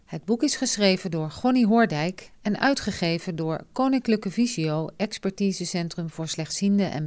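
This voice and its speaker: A woman reads the opening credits of an audiobook. She speaks slowly and formally, articulating every word clearly, in a voice that sits slightly low. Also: darkish tone. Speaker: audiobook announcer. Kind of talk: read announcement.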